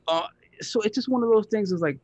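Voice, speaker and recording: A man's voice: high voice, fast, darkish tone, dry recording, highs cut off. A man on a podcast panel, talking about games in a candid, casual way that includes swearing. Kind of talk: casual game discussion.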